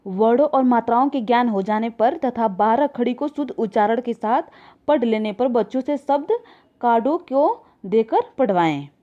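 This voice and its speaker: A woman's voice: fairly high pitch, lively intonation, moderate pace, highs cut off. A woman teacher reading out exam questions, each one twice, then explaining them with simple examples. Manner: addresses viewers as friends.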